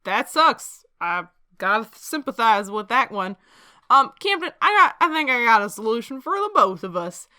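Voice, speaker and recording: A goofy swaggering cowboy drifter who draws out every word in a hammy western drawl, as a woman plays it up. The voice sounds bright and clear. It is playful and over the top. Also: fairly high pitch, very animated, normal speed. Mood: friendly.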